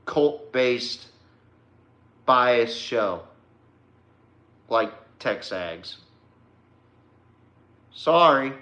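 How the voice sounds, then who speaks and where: Addressing a rival, a sports podcast host delivers a blunt, combative rant full of slang and informal phrasing. His voice is mid-range, bright and pushed, captured in an echoey room.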